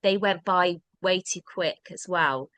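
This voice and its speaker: A woman's voice: lowish voice, measured pace, a bit bright, dry recording. A British woman, a podcast guest, telling a personal story in a rambling, casual way with many restarts. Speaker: guest, drama workshop founder.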